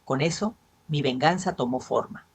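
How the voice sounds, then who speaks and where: A woman's voice: deep voice, moderate pace, slight background noise. A woman narrating a dramatic first-person story with an emotional, storytelling manner.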